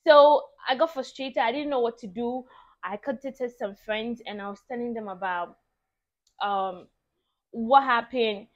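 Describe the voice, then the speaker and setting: Animated Ghanaian woman vlogger, lo-fi sound. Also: fairly high pitch, measured pace. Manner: animated, exasperated retelling. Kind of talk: casual storytelling to camera. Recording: dull lo-fi audio.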